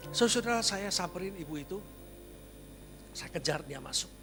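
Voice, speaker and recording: A man with a notably high voice preaching to a congregation, moving from quiet storytelling to loud, emphatic calls. He drops English phrases into his sermon. Instrumental music plays clearly underneath him. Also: expressive, moderate pace. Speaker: pastor. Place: church service.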